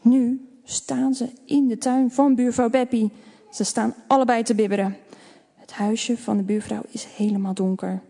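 A woman reading a children's story aloud in a gentle, expressive way. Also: on the high side, moderate pace, vocal fry. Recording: long reverb.

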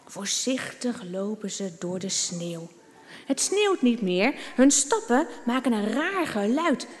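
A woman reading a children's story aloud, slowly and with expression. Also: fairly high pitch, very animated, in a large hall.

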